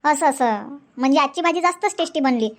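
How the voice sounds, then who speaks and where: Animated and a little fast, with a voice that sits high, a woman dubs a young newlywed wife in a Marathi comedy cartoon. The studio-quality, echo-free recording catches the character pleading, nagging, repeating herself and rushing.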